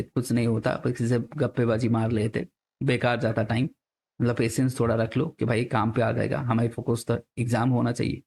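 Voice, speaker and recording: A young man leads an exam-prep lecture in a casual, talkative way, speaking at an ordinary middle pitch. He often drops English terms into his explanations and keeps checking in with his students through rhetorical questions. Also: a little mellow. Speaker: exam coaching teacher. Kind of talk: classroom lecture.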